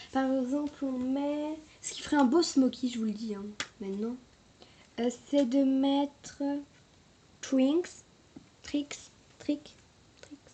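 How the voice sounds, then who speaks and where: A woman chatting casually through a makeup review, hesitant and quick to apologize, recorded on a camera mic at home. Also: high voice, warm tone, slight background noise. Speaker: beauty vlogger.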